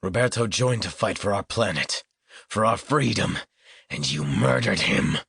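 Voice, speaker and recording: A man's voice: lowish voice, expressive, a little slow, vocal fry, a bit bright, breathy edge, no echo, studio quality, exaggerated voice. A man reading an audiobook, voicing a brutal, vengeful male rebel who talks in a cold, menacing way.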